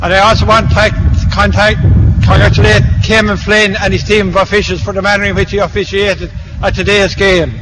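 A man's voice: high voice, little pitch movement. Formal Irish man on echoing PA. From Offaly. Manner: measured, formal. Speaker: club chairman presenting the cup. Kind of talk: formal prepared presentation speech. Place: outdoor sports ground. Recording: public address echo, faint background noise.

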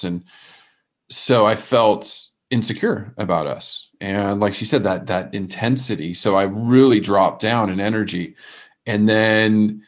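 Male co-host, lowish voice, earnest confessional chat, open and a bit rambling. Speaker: podcast co-host. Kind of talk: casual reflective chat. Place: remote call from abroad.

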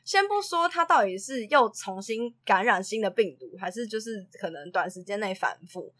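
A woman, a preschool teacher telling anecdotes in a casual chat and acting out the quotes. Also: medium pitch. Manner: animated storyteller who acts out quotes and laughs often. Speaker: preschool teacher and podcast co-host.

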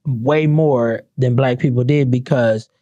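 A young adult man ranting comedically to camera, profane and animated, breaking into mock-sung lyrics. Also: medium pitch, a little slow, dry recording, dull audio. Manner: animated, profane, sings song lyrics mockingly. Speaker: commentator.

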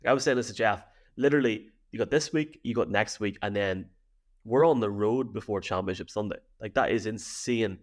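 A man with an Irish accent co-hosting a sports podcast, chatting in an animated, jokey way full of slang. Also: on the low side, fairly quick. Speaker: podcast co-host. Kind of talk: casual sports podcast chat.

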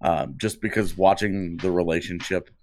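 A man's voice: low voice, steady tone, moderate pace, gravelly. A man co-hosting a sports podcast, chatting casually about teams and seasons.

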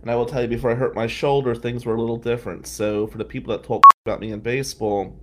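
A man's voice: medium pitch, fairly even intonation, fast talker, heavy background noise. A middle-aged man from New Jersey hosting a live stream, telling a rambling story with many tangents. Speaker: host.

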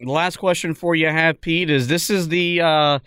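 A male podcast host with a smooth, resonant voice, recorded dry and close on a studio mic. He asks his questions in a casual, conversational manner. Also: fairly high pitch, fairly even intonation, moderate pace, a bit bright, no room sound. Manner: conversational, fillers. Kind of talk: casual interview.

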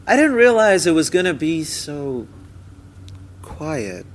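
A man's voice: a little high, very animated, takes it slowly. A young man narrating in first person as the lead of an audio drama, chatty with wry, self-deprecating asides. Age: young adult.

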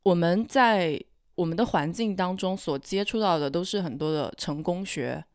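A woman with a slightly low, steady-sounding voice talks as a podcast co-host. She comes across as composed, cool and rational while chatting reflectively. The sound is dry, with little room on it. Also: moderate pace, clear, resonant tone, no room sound. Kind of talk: casual reflective chat.

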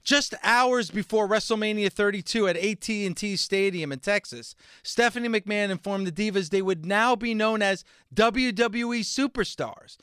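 A man's voice: high-pitched, moderate pace, few pauses, fairly bright tone, clear, resonant tone, dry recording, clean studio sound. A man hosting a radio show, reading scripted wrestling documentary narration. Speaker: radio host.

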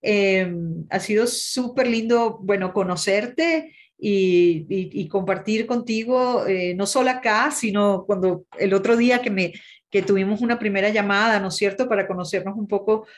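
A woman from Ecuador, a musician and music teacher chatting as an interview guest and often tagging "¿no?". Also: mid-range voice. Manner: chatty, adds "¿no?" often and spells things out slowly. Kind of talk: casual interview chat.

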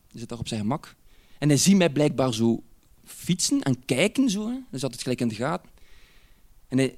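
Flemish man, storyteller, slightly high voice, swings up and down a lot. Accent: Flemish, Ghent. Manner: animated, laughs while telling, Flemish dialect words. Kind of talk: personal anecdote storytelling.

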